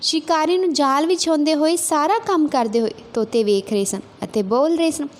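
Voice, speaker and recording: A woman with a high, light voice narrating a moral tale, steady and clear with some emphasis. Her telling has the measured rhythm of a devotional storyteller.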